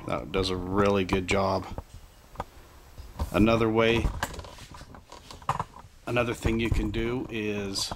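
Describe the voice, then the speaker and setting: Guy with a lowish voice rambling thru a how-to, hiccupy, noisy workshop, camera mic. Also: fairly bright tone. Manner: plainspoken, rambling, self-interrupting. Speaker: hobbyist reloader. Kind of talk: casual how-to demonstration.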